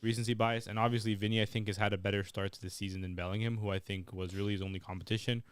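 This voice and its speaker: A man co-hosting a casual football podcast who argues his points in a measured way, often hedging with "I think". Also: fairly low pitch, level tone, smooth, no room sound, studio quality. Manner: measured, reasoning, hedges with "I think". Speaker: podcast co-host.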